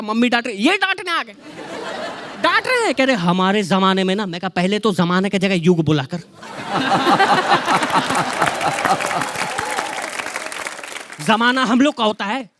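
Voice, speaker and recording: High-voiced young stand-up comic. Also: male voice. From Jharkhand, India. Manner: chatty, teasing, exaggerated storytelling. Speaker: stand-up comedian. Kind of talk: stand-up comedy. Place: studio stage with live audience. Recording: loud studio audience and noise.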